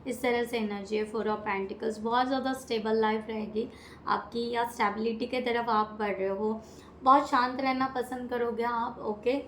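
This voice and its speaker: Woman, Indian accent, tarot reader, chatty, slightly high voice, roomy echo, faint hiss. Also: fairly even intonation, measured pace. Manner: chatty, repetitive, lots of fillers and English words. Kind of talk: casual tarot reading. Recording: echoey room with faint noise.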